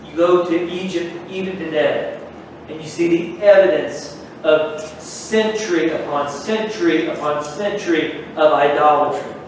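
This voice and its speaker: Man preaching, high voice, slow deliberate delivery, emphatic, distant echoey recording. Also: a little hiss or hum. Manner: emphatic, rhetorical questions. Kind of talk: sermon. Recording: echoey room from far off.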